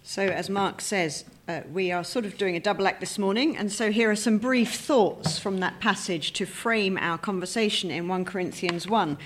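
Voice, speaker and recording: A woman's voice: medium pitch, a bit bright. A woman giving an earnest, emphatic sermon that explains a Bible passage. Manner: earnest, emphatic expository preaching. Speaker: preacher.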